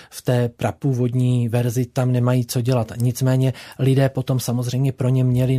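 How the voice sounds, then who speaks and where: A man explains slowly with frequent pauses and filler sounds, as a guest in a radio studio. His voice is warm and dark, pitched in the middle, steady rather than lively. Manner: hesitant, many filler sounds, measured explanation. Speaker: icon painter, radio guest.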